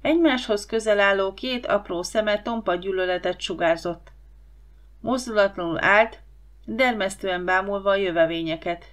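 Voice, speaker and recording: A woman narrating a youth sci-fi audiobook in an even, measured reading voice. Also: mid-range voice. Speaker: audiobook reader.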